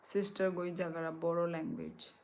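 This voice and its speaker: A woman's voice: lowish voice, very animated, normal speed, vocal fry. A young woman hosting a casual livestream, chatting with her viewers and answering their comments as she switches between languages. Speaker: livestream host.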